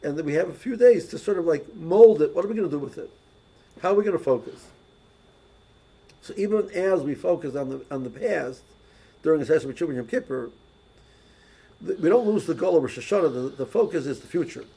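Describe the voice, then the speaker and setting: A man's voice: on the high side, expressive, a little fast, creaky, pauses often, mellow, slightly rough, low-quality recording. A man giving a casual religious lesson, telling anecdotes with many restarts and repeated words. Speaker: religious teacher. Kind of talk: casual teaching talk with anecdotes.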